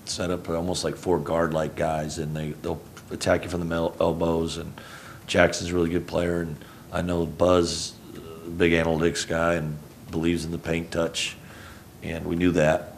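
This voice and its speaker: After a game, a middle-aged head basketball coach from Houston, Texas, answers reporters into a table mic on a stand in a press conference room. He rambles, corrects himself and stays low-key, delivering everything completely flat at normal speed over slight background noise.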